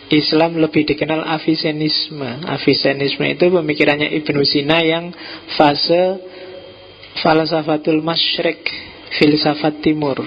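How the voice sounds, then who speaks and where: Male lecturer with a Javanese accent, slightly high, gravelly voice, casual teasing delivery, dull lo-fi recording with faint noise. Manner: chatty and teasing, mixing in Javanese words. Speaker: philosophy lecturer. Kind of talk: informal lecture to a study group.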